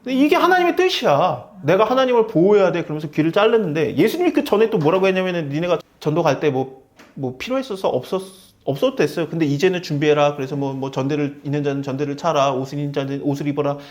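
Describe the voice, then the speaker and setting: A man's voice: fairly high pitch, fast. A middle-aged man leading an informal Bible study, acting out quoted lines and laughing often. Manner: animated, acts out quoted dialogue, laughs often.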